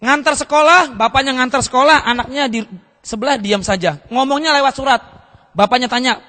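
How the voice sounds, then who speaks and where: A man's voice: very high-pitched, fairly quick, pushed and bright. A male pastor preaching at a seminar, telling a story and questioning the audience often. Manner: asks the audience frequent rhetorical questions. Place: church seminar hall. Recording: long hall reverb.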